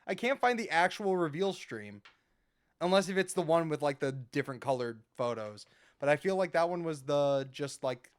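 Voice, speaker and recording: An excitable young man co-hosting a podcast, his slightly high voice bouncing all over as he laughs and swears casually through a relaxed chat. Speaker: podcast co-host.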